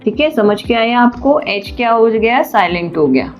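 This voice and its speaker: A woman teaching a children's grammar lesson, patient and deliberate, often asking questions and answering them herself. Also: on the high side, lively intonation. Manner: slow and deliberate. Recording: dull lo-fi sound, faint music.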